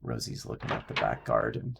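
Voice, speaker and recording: A man's voice: rumbling low, very animated, a little fast, vocal fry, heavy background noise. A man streaming a horror game, talking casually in a rambling, joking way, sounding nasal from a stuffed-up nose. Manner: rambling, chatty, jokey asides. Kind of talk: casual gameplay commentary. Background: game music.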